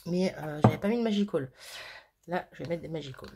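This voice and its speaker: A woman's voice: low voice, fairly quick, dark tone, breathy edge. A woman hosting a crafting video, chatting casually and thinking aloud with fillers and little laughs as she works. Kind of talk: casual crafting tutorial chat.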